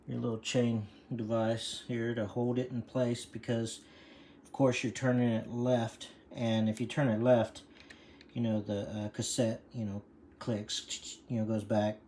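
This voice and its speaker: A man's voice: medium pitch, flat delivery, a little slow, a little mellow, slight background noise. A man explaining a bike repair in a casual, rambling way, full of fillers, breathing hard from leaning over. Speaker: bike mechanic demonstrating a repair. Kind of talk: casual how-to video.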